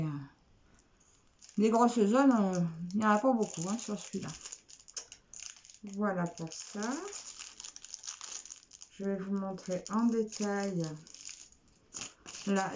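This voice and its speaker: A woman talks slowly and unhurriedly while unboxing craft kits at home, musing aloud, repeating small words and filling pauses. The recording is dull and lo-fi, with a faint hiss underneath. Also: mid-range voice, a little mellow. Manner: chatty, repeats words, many "alors" fillers. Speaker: craft vlogger. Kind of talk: casual unboxing chat.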